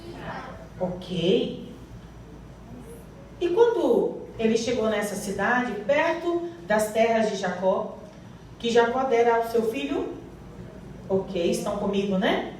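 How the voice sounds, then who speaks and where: This Brazilian Portuguese-accented woman speaks on the higher side with lively intonation, going slowly, pausing often and sounding a little mellow. She preaches in a church hall, reading scripture and quizzing the congregation so they respond. The hall is heavily reverberant, the microphone is distant, and there's slight hiss.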